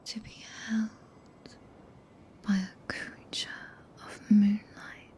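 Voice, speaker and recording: This ASMR roleplay features a British woman close to a binaural microphone, whispering breathily as a regal witch who is tender yet possessive, her archaic English both soothing and commanding. The voice is mid-range, level and slow, with a darkish tone and light acting, carrying an entranced, possessive mood.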